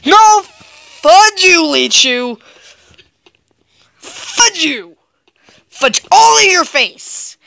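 A woman's voice: very high voice, lively intonation, extremely slow, creaky, long pauses, bright, forceful tone, no echo. A young woman doing gameplay commentary, jumpy and yelping with laughter when scared. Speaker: gaming video creator.

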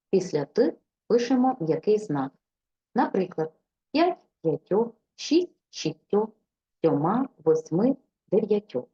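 A woman teacher explains a grammar lesson in a clear, deliberate delivery, her pitch rising and falling a lot. Her voice is husky and very dark and mellow. The recording is dull and lo-fi. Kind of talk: scripted lesson.

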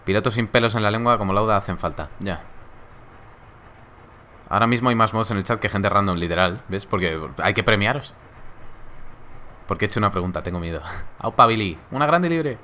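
A young man chats on a live stream in a laid-back, joking way. His voice sits low but sounds bright and forward. A faint hiss stays under the talk. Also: fairly quick, long pauses. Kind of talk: casual live-stream chat reading viewer comments.

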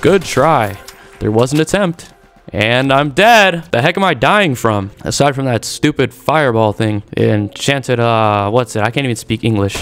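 A man giving excitable live commentary over his own video game play, trash-talking opponents and reacting as he goes. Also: medium pitch, a little slow. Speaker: gaming YouTuber. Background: game music and gunfire.

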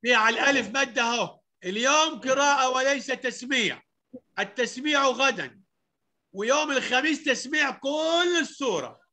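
A man with an Egyptian accent teaching children Quran recitation over a video call, explaining rules and reciting verses slowly with stretched sounds. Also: extremely high pitch, bright, forceful tone. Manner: coaxing questions to children, calls them heroes.

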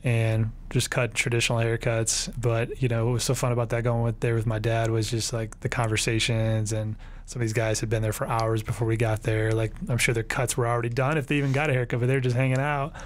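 A man's voice: mid-range voice, level tone, brisk, few pauses. A man hosting an interview, asking long rambling questions full of fillers. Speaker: podcast host. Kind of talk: casual interview chat.

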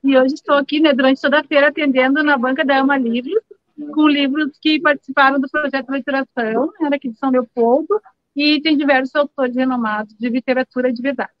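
A woman's voice: high voice, steady tone, brisk, dry recording, highs cut off. A woman in her forties, a librarian and storyteller, answering a reporter at a book stall, often adding "né" as she talks. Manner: warm, fills with "né". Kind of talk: interview answers. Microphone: reporter's handheld mic.

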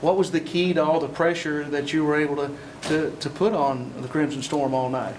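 A man interviewing players and coach after a football game, reading off stats in an even delivery. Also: fairly high pitch, a little fast, slight background noise, poor audio. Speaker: sports interviewer. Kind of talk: postgame interview questions.

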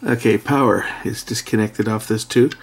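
A middle-aged man with a lowish, steady voice and some vocal fry talks at a moderate pace while fixing something at an indoor workbench. As a repair video host, his commentary is casual, blunt, and a bit grumbly. Faint background noise and clicking can be heard.

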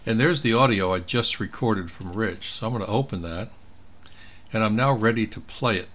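An amateur radio operator gives a casual screen tutorial indoors at a computer, thinking aloud as he works. His lowish voice moves at normal speed and is a bit bright, with slight background noise.

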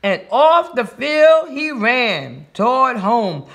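A man reading a children's picture book aloud in a lively way, with sound effects and small slips. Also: very high-pitched, takes it slowly, creaky. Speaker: story reader.

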